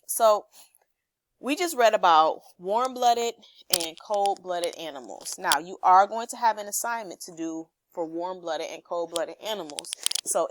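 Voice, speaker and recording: Over background noise, a woman teacher with a medium-pitched voice reads an informational text aloud. She explains it to her pupils and pauses along the way to check their understanding with questions.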